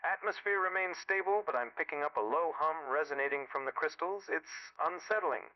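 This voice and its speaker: A man's voice: fairly high pitch, a little fast. A man voicing an astronaut commander in a lunar cave. He delivers terse, procedural reports over a muffled space radio link and ends each one with "over.". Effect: muffled space radio transmission. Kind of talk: clipped radio-play dialogue.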